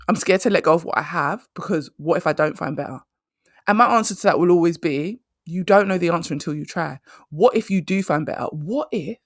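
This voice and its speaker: A woman's voice: low voice, creaky, no echo, clean studio sound. A woman, hosting a motivational career podcast and speaking emphatically, repeating her key phrases. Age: 30s. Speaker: career coach and podcast host.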